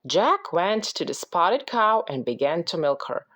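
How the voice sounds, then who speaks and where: A woman reading a children's picture book aloud as a parent, with slow, expressive storytelling. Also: lowish voice.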